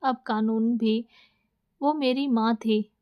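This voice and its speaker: A woman storyteller reading a scripted story in a steady, even-paced way. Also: a little high, takes it slowly, smooth, lo-fi sound. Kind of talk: scripted narration.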